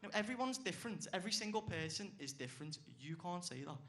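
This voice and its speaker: A man's voice: high voice, lively intonation, fast, sharp tone, slight background noise, full character voice. A young English man voicing his indignant girlfriend in a stand-up bit, lecturing and insistent.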